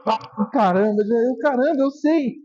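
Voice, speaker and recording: Emotional high-voiced man giving a motivational talk. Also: a little slow, darkish tone, in a large hall, soft background music. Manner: emotional, storytelling, acts out remembered scenes. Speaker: motivational speaker. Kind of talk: live motivational talk on stage. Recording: dull lo-fi live stage recording.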